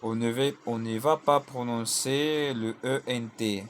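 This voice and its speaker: A man's voice: mid-range voice, fairly even intonation, a little slow, a little hiss or hum. A man teaching a grammar lesson, drilling verb conjugations in lists and spelling out word endings letter by letter. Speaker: language teacher.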